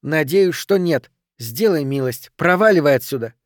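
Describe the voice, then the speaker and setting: A man's voice: fairly high pitch, animated, normal speed, no room sound, lightly acted. A fed-up young woman with a biting, sarcastic edge, as a male audiobook reader puts her on. Her voice sits raised and dry, with a clipped storybook delivery. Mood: mocking.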